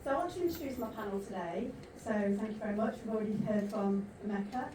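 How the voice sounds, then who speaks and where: A woman's voice: medium pitch, fast talker. A woman moderating a conference panel, delivering her points in an emphatic, rhetorical way. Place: large conference hall. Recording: echoey hall from far off, noisy.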